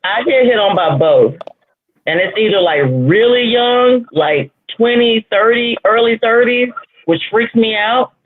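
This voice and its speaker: A man's voice: very high-pitched, unhurried, dry recording. A man chatting playfully on a podcast and joining in with sound effects. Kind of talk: casual podcast chat. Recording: dry tinny phone-like line.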